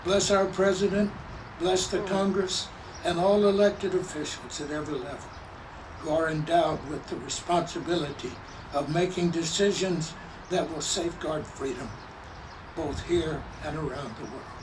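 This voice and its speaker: A man giving a formal public prayer as clergy, in solemn, measured short phrases. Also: fairly high pitch, fairly even intonation. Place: public memorial ceremony. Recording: distant microphone, clearly noisy ambience.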